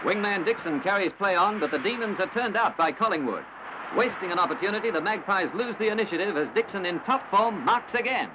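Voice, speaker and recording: A man giving brisk, formal sports commentary in an old newsreel, from Australia. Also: high-pitched, expressive. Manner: brisk, formal announcer delivery. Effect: old newsreel recording. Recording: dull lo-fi old film soundtrack with hiss.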